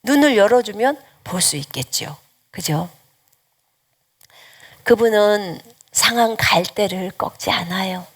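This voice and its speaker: A middle-aged woman missionary preaching a sermon, telling a personal testimony in an animated way and acting out the conversations with laughter. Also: mid-range voice, a little slow, long pauses.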